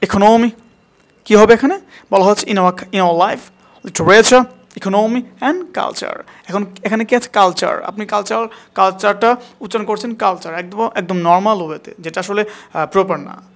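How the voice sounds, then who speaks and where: A man's voice: high-pitched, normal speed. A man teaching a spoken English class, repeating words again and again to drill pronunciation and quizzing his student.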